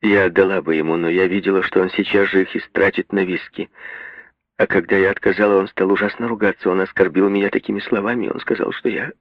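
A man voicing a proud young woman, prim and icy in manner, who breaks into sobbing, shrill outbursts, in a literary reading. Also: fairly even intonation, quick pace, dry recording. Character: proud young woman, stiff, then hysterical. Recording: dull, muffled radio recording.

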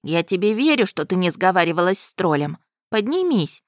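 A woman's voice: on the low side, very animated, brisk, no room sound, clean studio sound. A woman voicing a proud, commanding older female snake-woman.

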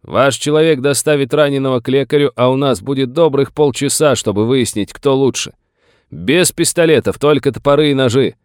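A man doing a brash shouting outlaw. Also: mid-range voice, a little fast, smooth, no echo, studio quality, voice pushed up, close to an everyday voice. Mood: taunting shout. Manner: shouting across a distance, taunting. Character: brash outlaw gunman, mocking and bold.

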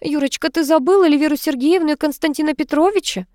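A woman voicing an older mother, gentle and anxious, soft and pleading in manner. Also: sits high, quick pace, no echo, studio quality, pitched above the performer's own voice, natural voice.

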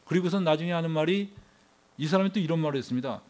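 A male pastor preaching a sermon, firing rhetorical questions at the congregation and swinging between hushed and raised delivery. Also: fairly high pitch, very fast.

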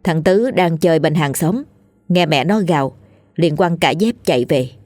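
A woman, narrating a scripted ghost story in a steady reading voice. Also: low-pitched, moderate pace, no echo, faint music behind.

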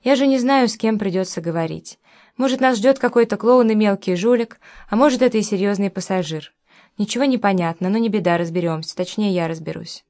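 A woman's voice: mid-range voice, fairly quick, warm tone, lightly acted. A blunt, tough grown man who speaks in short, commanding sentences, as a woman reads him. The lines come from an audiobook reading in the narrator's own voice. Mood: firm. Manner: curt and commanding. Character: blunt, tough adult man, protective friend.

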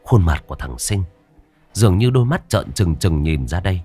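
A man narrating a ghost story in a dramatic, expressive way, voicing every character himself. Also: deep voice, normal speed, breathy edge. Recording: dry voice over faint music. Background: faint background music.

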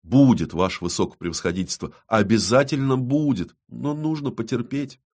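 A man's voice: medium pitch, moderate pace, a little mellow, lightly acted. A man voicing a deferential male painter. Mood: placating. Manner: deferential, placating. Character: polite, evasive male painter. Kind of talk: audiobook reading.

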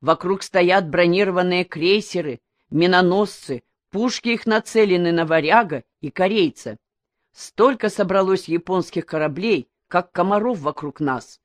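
A woman's voice: on the low side, no room sound, studio quality, close to an everyday voice. A woman voicing an eager, bookish teenage boy who retells a story he read.

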